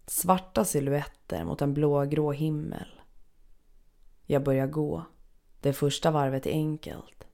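Low gravelly woman narrating a story. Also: fairly even intonation, warm tone. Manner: measured, unhurried, somber. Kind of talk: first-person scripted narration.

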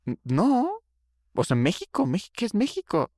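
Un hombre joven con acento mexicano, copresentador de un pódcast, opinando en charla casual con muchas muletillas y groserías. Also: male voice, high voice, huge pitch swings, unhurried, a little mellow, no echo, studio quality. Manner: opinionated, slangy, rambling. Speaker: podcast co-host. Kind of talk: casual chat.

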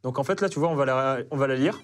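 A man appearing as a guest cybersecurity expert. He gives relaxed, casual explanations with lots of hesitation fillers. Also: mid-range voice, quick pace. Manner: laid-back explainer, many fillers.

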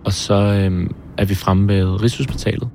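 Low gravelly man recalling hard times. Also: steady tone, mellow, a little hiss or hum. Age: 20s. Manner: hesitant, pauses and restarts, searching for words. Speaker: film director interviewed about his heart surgery. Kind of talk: reflective interview.

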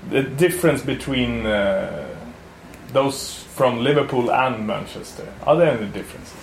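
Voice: mid-range voice, animated, unhurried, creaky. An interviewer from Sweden, asking short probing questions on a street. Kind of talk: vox-pop street interview. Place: outdoors on a street. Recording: distant, roomy, noisy street ambience.

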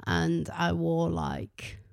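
A woman's voice: deep voice, sing-song, extremely slow, gravelly, clean tone, no room sound. Woman with a Welsh Valleys accent, dry close sound. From South Wales Valleys. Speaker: podcast guest, writer and musician. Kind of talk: casual interview chat.

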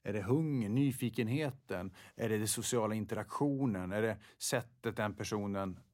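A man with a fairly low, slightly mellow voice appears as an interview guest, a football referee. He speaks reflectively, often posing rhetorical questions to himself.

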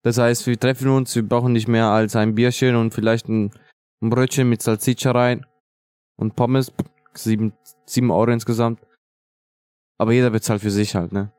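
A man with southern Italian roots in relaxed podcast chat, making cheeky jokes with his co-hosts. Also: mid-range voice, moderate pace, clear, resonant tone, no echo. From southern Italy. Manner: joking, cheeky banter. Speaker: podcast co-host.

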